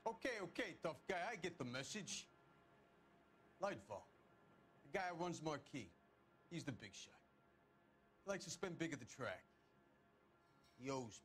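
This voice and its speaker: An actor playing a middle-aged crooked car dealer in a 1940s crime game, defensive and sarcastic, talking in streetwise old slang. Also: male voice, fairly high pitch, lively intonation, a little slow, long pauses, fairly bright tone, soft background music. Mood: grudging.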